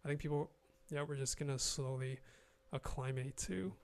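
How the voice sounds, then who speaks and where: On a casual video call, a young man appears as a guest, a language learner and YouTuber. He speaks at normal speed in a mid-range voice, hesitant and full of fillers and restarts. The sound comes from a close-up studio mic in front of him in a small room, with earphones on.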